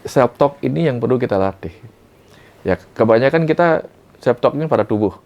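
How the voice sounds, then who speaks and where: A man giving a calm, reflective spiritual talk, sometimes acting out inner dialogues softly. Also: medium pitch, moderate pace, vocal fry, dull audio. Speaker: guest speaker.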